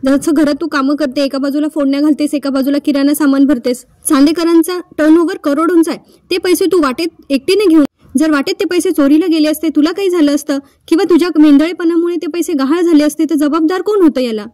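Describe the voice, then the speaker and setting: A woman reads the lines of an angry young man from a TV serial who scolds with rising heat. The voice stays high and mellow. The sound is close and dry. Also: fairly even intonation, quick pace, no echo, lightly acted. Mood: angry scolding.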